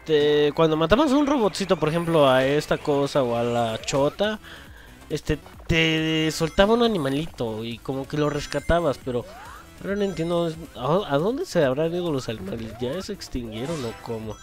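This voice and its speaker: An excitable young man talks through a video game as he plays it. His voice is fairly high and swings widely in pitch, jumping into loud swearing and laughter. Faint game music plays behind him. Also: normal speed. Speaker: gameplay commentator. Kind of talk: let's play commentary.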